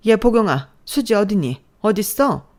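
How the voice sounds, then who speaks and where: A woman voicing a furious, domineering middle-aged mother who scolds loudly in a dramatized story. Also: mid-range voice, big pitch swings, moderate pace, pitched above the performer's own voice, natural voice. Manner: shouting, scolding.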